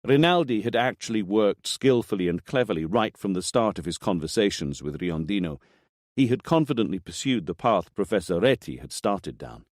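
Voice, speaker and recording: A man reading a thriller audiobook as scripted narration, with expressive delivery. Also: on the low side, normal speed, no room sound, clean studio sound.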